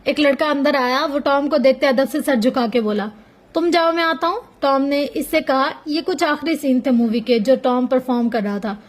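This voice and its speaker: A woman reading a romance novel aloud as an audiobook narrator, in steady storytelling. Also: high voice, normal speed.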